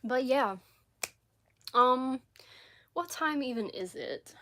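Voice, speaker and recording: A woman's voice: high-pitched, lively intonation, slow, sharp tone. Scratchy-voiced woman chatting on a livestream. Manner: rambling, chatty, frequent "like" and "um". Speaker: crochet livestreamer. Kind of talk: casual live chat. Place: home living room.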